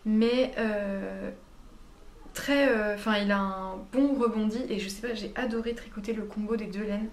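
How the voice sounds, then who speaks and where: A woman's voice: medium pitch, steady tone, normal speed, darkish tone. A woman chatting casually in her knitting vlog, talking easily with many fillers and self-corrections. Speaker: knitting vlogger. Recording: roomy echo, faint background hum.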